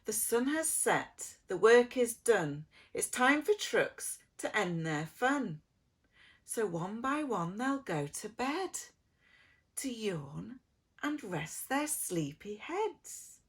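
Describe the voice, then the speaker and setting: Her voice is on the high side with a breathy edge, and she keeps a slow pace. The woman is reading a children's picture book aloud as an animated preschool storyteller, theatrical, elongating words and turning to soft, hushed phrases.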